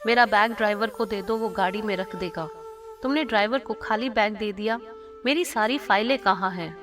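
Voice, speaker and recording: A woman's voice: medium pitch, normal speed, recorded from a distance, close to an everyday voice. A woman voicing an irritated young husband in a cartoon story, scolding his wife. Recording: cartoon voice over loud music.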